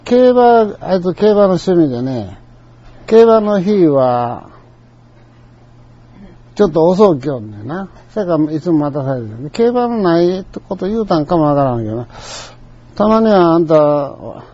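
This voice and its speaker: Older Kansai man, mellow lo-fi anecdote. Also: on the high side. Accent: Kansai Japanese. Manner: chatty storyteller, colloquial and digressive. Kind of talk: rambling personal anecdote. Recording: dull lo-fi recording.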